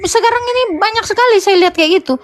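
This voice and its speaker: Very high-voiced blunt scolding woman. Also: fast. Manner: scolding, blunt, addresses listeners as Pak and kau. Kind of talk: live-stream preaching and debate.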